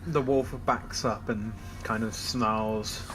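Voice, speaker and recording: Slow-talking male dungeon master. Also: on the low side, fairly even intonation, music in the background. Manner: slow, halting narration with fillers. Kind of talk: running a tabletop game.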